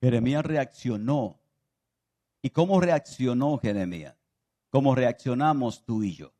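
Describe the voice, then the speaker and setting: A pastor preaching a sermon, moving from loud exclaiming to soft confiding speech and acting out biblical voices as he tells the stories. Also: mid-range voice, animated, a little slow. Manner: acts out biblical voices in his telling.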